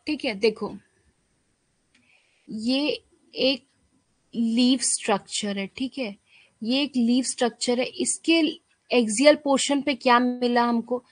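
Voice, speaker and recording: A woman's voice: fairly high pitch, fairly even intonation, takes it slowly, long pauses, no room sound. A woman biology teacher with an Indian English accent, giving an exam-prep lecture and explaining each term, then checking in with her students. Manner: explanatory, repeats key terms, checks in with students often.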